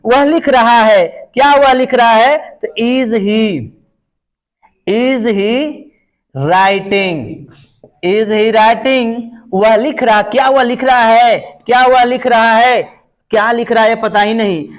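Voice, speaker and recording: A man with a strikingly high voice gives a grammar lesson in Hindi. He asks questions and answers them himself. He reads each English example slowly and with care. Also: poor audio. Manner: slow, drawn-out reading of English example sentences.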